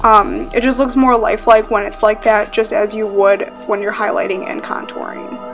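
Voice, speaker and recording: A young makeup vlogger in her twenties chats through a tutorial from a living room with a red couch. She speaks at normal speed in a mid-range voice over music, sounding casual and relaxed with frequent "um" and "like."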